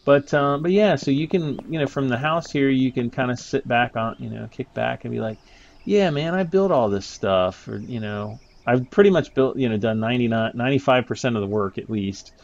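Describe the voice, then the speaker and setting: A man's voice: mid-range voice, fairly even intonation, a little fast, creaky, few pauses, highs cut off. A man giving casual, rambling commentary over his gameplay, chuckling often between thoughts. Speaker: gaming YouTuber.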